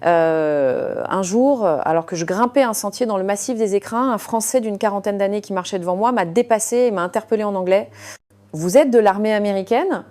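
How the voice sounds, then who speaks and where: A woman narrates a scripted first-person story in a calm, even way. Her voice sits in a middle pitch with a mellow, warm color. She often pauses with small hesitations between phrases.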